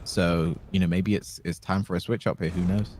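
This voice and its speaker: A man's voice: low voice, fairly even intonation, brisk, background noise. A man co-casting a live fighting game tournament as an esports caster, reacting to and analysing the play. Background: music.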